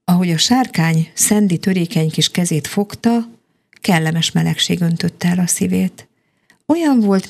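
A woman reading a children's fairy tale aloud in a calm, expressive storytelling manner. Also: on the low side, gravelly.

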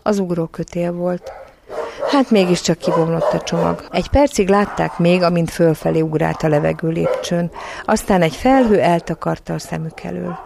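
A woman reading a children's audiobook as narrator, in calm, even storytelling. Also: fairly low pitch, creaky, background noise.

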